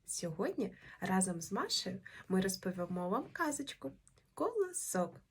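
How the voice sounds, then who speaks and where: A woman teacher greeting young children softly before and after a story. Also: medium pitch, big pitch swings, normal speed, slight background noise.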